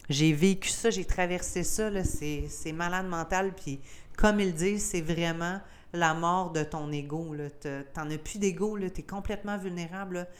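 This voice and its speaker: A young Québécoise woman with a low, smooth voice tells a personal story on her podcast. She speaks candidly and with feeling, slipping English words into her Québécois French. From Gaspésie, Quebec, Canada. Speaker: podcast host.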